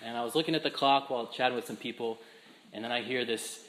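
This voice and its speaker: A man's voice: medium pitch, fast talker, very noisy. A man preaching a sermon as a priest in a church, telling stories with humor and laughing asides.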